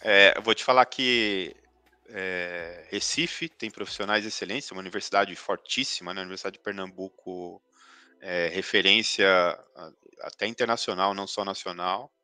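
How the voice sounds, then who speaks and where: A man's voice: low-pitched, steady tone, normal speed, pushed and bright, clean tone, dry recording. A man speaking as a guest in a live interview, thoughtful and full of hesitations. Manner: thoughtful, many hesitations and restarts. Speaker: guest expert.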